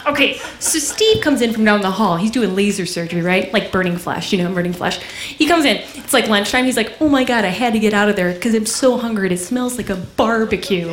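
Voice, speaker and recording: A woman's voice: mid-range voice, animated, a little fast, reverberant, natural voice. A woman imitating her bossy, know-it-all older sister, a doctor, in a lecturing, teasing tone. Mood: chatty.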